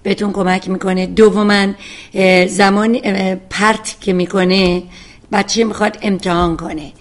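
A woman's voice: mid-range voice, fairly even intonation. A woman psychologist giving firm, emphatic advice to callers on a call-in show. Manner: firm, emphatic, repeats for stress.

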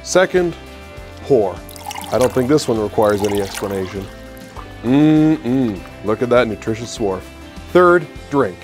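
A man playing an earnest spokesman selling a fake health product in a parody infomercial, with a smooth salesman delivery. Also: mid-range voice, animated, measured pace, a little mellow, soft background music, close to an everyday voice.

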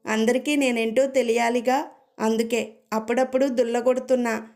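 A woman's voice: on the high side, little pitch movement, normal speed, a little mellow, lightly acted. A woman reading the lines of a boastful male rain god who chats in a casual, slangy way.

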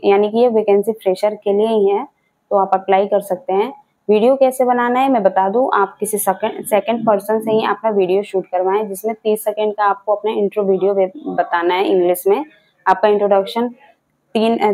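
A woman's voice: mid-range voice, a little mellow, poor audio. A young woman from India hosting a job vacancy channel, explaining the details to camera and repeating the key points, recorded indoors on a clip-on mic. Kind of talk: informational video talk to camera. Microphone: clip-on mic seen on scarf.

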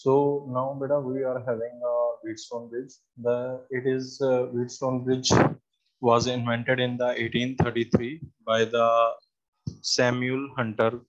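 A man with a North Indian accent giving a live online lecture in a halting delivery, as a teacher addressing students. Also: medium pitch, level tone. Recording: dull lo-fi online class audio.

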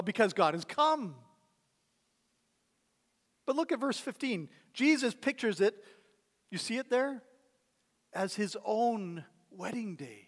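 A male pastor with a high voice delivers a sermon in a church sanctuary, preaching conversationally and posing rhetorical questions. The recording carries the long reverb of the church hall.

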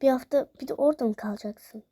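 A firm mother who scolds her daughter with quick, pointed questions, played by a woman in a home role-play drama. Her voice sits a little high but sounds soft and mellow rather than bright. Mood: stern. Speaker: voicing every character.

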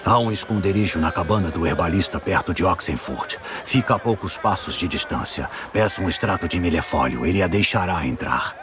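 Geralt de Rivia, low-voiced deadpan hunter. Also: male voice, a little fast, few pauses, music in the background. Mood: matter-of-fact. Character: gruff, dry, unflappable male monster hunter for hire. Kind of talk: dubbed video game acting.

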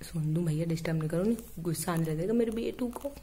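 A woman's voice: fairly low pitch, fast talker, very noisy. A woman talking casual baby talk to her pet parrot, coaxing and sing-song, laughing often, filmed on a phone at home. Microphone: phone camera.

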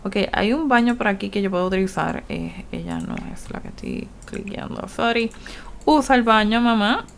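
A woman's voice: mid-range voice, very animated, normal speed, vocal fry, slight background noise. A woman with a Puerto Rican Spanish accent giving casual, chatty gameplay commentary, laughing often and voicing her game characters. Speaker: gaming YouTuber.

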